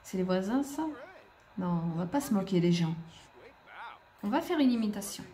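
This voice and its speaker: A woman's voice: mid-range voice, lively intonation, moderate pace, warm tone. A woman giving casual let's-play commentary, chatting to the characters on screen as she plays. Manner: chatty, talks to the game characters. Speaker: gaming video creator.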